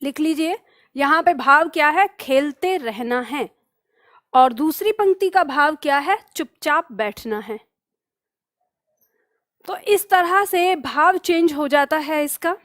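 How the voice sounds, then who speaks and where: Woman teacher, high pitch, patient exam-prep explainer, dry close recording. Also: expressive, fairly bright tone, no echo. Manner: dictates notes slowly, asks and answers her own questions. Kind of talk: exam-prep grammar lesson.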